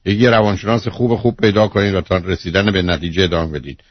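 A man's voice: sits low, fairly even intonation, no room sound. A man hosting a call-in advice show as a psychologist, talking bluntly and lecturing the caller. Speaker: radio psychologist host. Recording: dull lo-fi radio audio.

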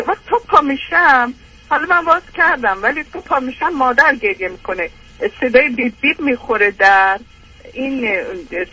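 A woman's voice: a little high, pushed and bright, husky, poor audio. An older woman calling in, rambling through an aggrieved personal complaint with many hesitations.

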